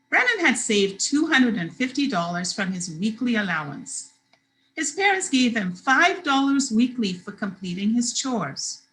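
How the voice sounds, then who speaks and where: A woman's voice: a little high, a bit bright, rough recording. A woman reading her children's book aloud, giving the characters their own voices. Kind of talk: expressive storybook read-aloud.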